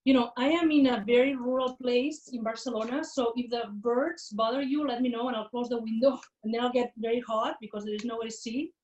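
Casting: woman guest, halting and chatty, higher voice, heard from a distant video-call mic. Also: fairly even intonation, lo-fi sound. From Catalonia, Spain. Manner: warm, halting, with frequent fillers and repeats. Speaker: guest academic. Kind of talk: casual interview talk on a video call. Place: home in a rural area outside Barcelona, window open.

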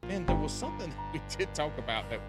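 A man co-hosting a podcast with rambling, joking, profane banter and a gravelly voice. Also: on the high side, expressive, quick pace, over music. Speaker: podcast co-host.

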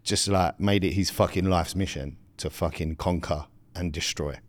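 A man's voice: low voice, steady tone, moderate pace. A man with a London or Essex accent chatting casually in a matey, slangy way, with plenty of swearing. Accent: English, London or Essex. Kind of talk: casual banter and storytelling.

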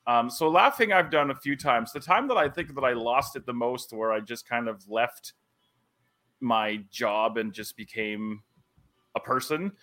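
Bright-voiced animated wrestling commentator man. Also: mid-range voice, measured pace. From Canada. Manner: animated storyteller, laughs often. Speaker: wrestling commentator, podcast guest. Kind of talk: casual podcast chat.

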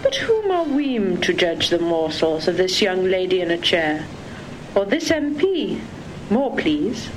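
A woman heard from an old home tape recording, talking and reading aloud at home in a lively, sing-song way. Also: lowish voice, a little slow, a little hiss or hum, rough recording.

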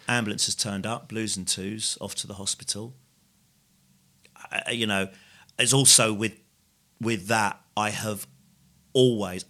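Bright-voiced man, halting and raw. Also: fairly low pitch. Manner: halting, repeats words, swears. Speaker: podcast co-host sharing his story. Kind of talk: candid conversational podcast talk.

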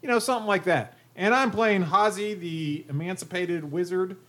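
A man's voice: high-pitched, normal speed, pushed and bright. A man chatting casually and playfully as a player in a tabletop game. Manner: playful bantering. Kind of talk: casual chat.

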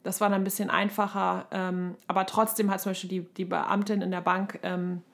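A woman's voice: mid-range voice, level tone, brisk, vocal fry. A woman in her thirties from Germany co-hosts a podcast, chatting colloquially in anecdotes and mixing in English terms. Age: 30s. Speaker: podcast co-host. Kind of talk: casual conversational podcast chat.

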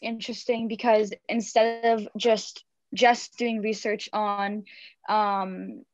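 A woman student answers at mid pitch in a flat, even voice, pausing often with "um" and "like." The call audio sounds dull and dry, with no room around it. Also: no room sound. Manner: hesitant, many ums and likes. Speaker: student guest. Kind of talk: casual interview answer.

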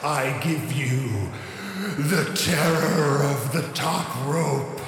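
A man putting on a booming male arena announcer, his amplified voice drawn out slowly like a showman calling a fight. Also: heavy reverb, long reverb tail, crowd noise. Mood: hyping. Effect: booming amplified announcer voice ringing through an arena.

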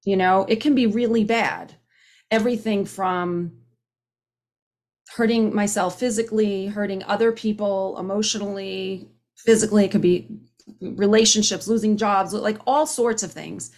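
A woman's voice: medium pitch, fairly even intonation, moderate pace, a little mellow. A woman in her fifties giving a personal share at a recovery meeting, earnest and conversational, often restarting her sentences. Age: 50s. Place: home, speaking on a video call. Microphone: video call microphone.

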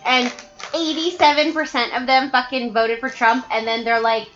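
A woman's voice: high-pitched, little pitch movement, moderate pace, fairly bright tone. A woman co-hosting a podcast in casual chat, rambling through stories with many fillers and curses. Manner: rambling, full of "like" fillers, swears. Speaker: podcast co-host. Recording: roomy, dull sound. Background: music.

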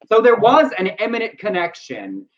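A man hosting a casual chat show, talking quickly and emphatically with an indignant edge. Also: high-pitched, wildly swooping pitch. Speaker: podcast host. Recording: dull lo-fi sound.

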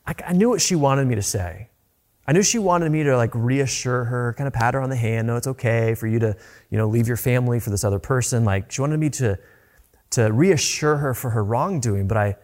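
A man preaching a sermon as a pastor, earnest and conversational, often restarting his phrases. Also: mid-range voice.

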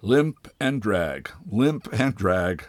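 In a storybook reading, a man voices a bitter, pompous old father with a wooden leg, drawing out his words in sardonic mockery. His voice is on the low side with lively intonation, and there is no room sound.

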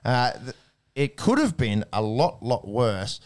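A man's voice: medium pitch, big pitch swings, slow. A man with an Australian accent hosting a casual sports chat in a blokey, slangy way. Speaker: sports podcast host.

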